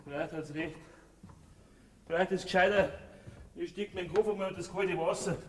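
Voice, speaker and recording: Guy acting as a grumpy bavarian husband, high lively voice, far off in an echoey hall. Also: fairly quick, a little hiss or hum, natural voice. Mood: grumbling. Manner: gruff, grumbling. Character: grumpy hungover middle-aged husband, gruff. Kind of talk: folk theater comedy acting. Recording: distant stage recording, roomy hall.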